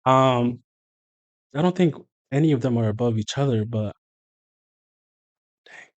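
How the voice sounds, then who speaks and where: A man guesting on a podcast, thinking out loud in a relaxed, earnest way. He pauses often with fillers before he settles on his point. His voice sits in an ordinary middle pitch. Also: lo-fi sound. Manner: thoughtful, earnest, with frequent fillers and exclamations. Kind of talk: casual podcast conversation.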